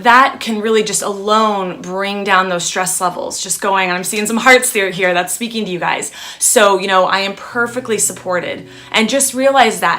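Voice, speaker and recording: A woman with a bright, crisp-edged voice at an average pitch teaches breathing as a yoga instructor. She is chatty and encouraging, explaining things casually as if live-streaming to followers and addressing them directly. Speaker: yoga instructor and wellness coach.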